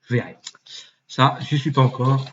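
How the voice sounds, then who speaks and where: A man talking to himself as he browses, muttering, trailing off and now and then swearing. He sometimes jumps into a mock high voice. The mic sounds dull and lo-fi with a faint hiss behind him. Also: flat delivery, normal speed, a bit bright. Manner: mutters and thinks aloud, with fillers and swearing. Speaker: YouTuber. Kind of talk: casual screen-recording commentary.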